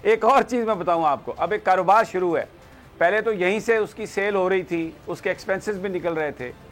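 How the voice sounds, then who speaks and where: A man's voice: high voice, normal speed, a bit bright, soft background music. A man giving heated political commentary as a guest analyst, slipping into English phrases. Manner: impassioned, switches into English phrases.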